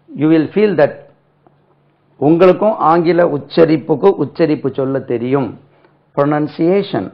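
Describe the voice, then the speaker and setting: A man with a Tamil accent teaching spoken English in a classroom lesson, spelling words letter by letter and repeating them slowly. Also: fairly high pitch, creaky. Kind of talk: classroom lesson explaining pronunciation. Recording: dull lo-fi lesson recording.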